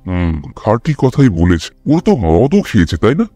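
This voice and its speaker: A man voicing a brilliant, restless male detective who reasons in a measured way and sometimes turns urgent. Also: on the low side, very animated, mellow, dry recording. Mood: reasoning.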